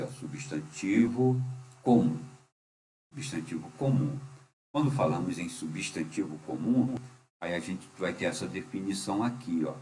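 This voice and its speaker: A man's voice: deep voice, darkish tone. A man teaching a grammar lesson, patient and repetitive, often checking in with the listener. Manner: patient, repeats and checks with "certo?". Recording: echoey room, faint hum.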